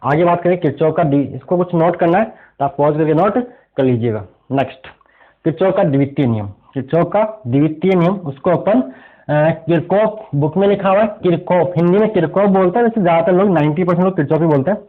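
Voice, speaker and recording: A man's voice: on the high side, fairly quick. A man teaching a physics revision lesson, explaining step by step and asking his students rhetorical questions as he works through problems. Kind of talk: exam revision lecture at a board. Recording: tinny phone-like audio.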